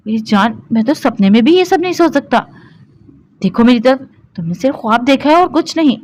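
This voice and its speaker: A woman's voice: a little high, lively intonation, darkish tone, slight background noise, pitched above the performer's own voice, natural voice. A woman voicing a soothing devoted young husband. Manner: soothing, affectionate.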